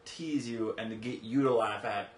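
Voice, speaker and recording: A man's voice: on the low side, moderate pace, reverberant, a little hiss or hum. Joking, swearing podcast host man. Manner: swears casually, laughs often. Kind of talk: casual podcast conversation. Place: guest's home office.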